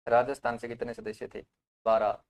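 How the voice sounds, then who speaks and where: A young man runs a live online exam-prep class. He keeps his pitch at a middling level and drills each key point again and again. He pauses to throw questions at his students. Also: level tone. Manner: repetitive drilling, quizzing students. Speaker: teacher.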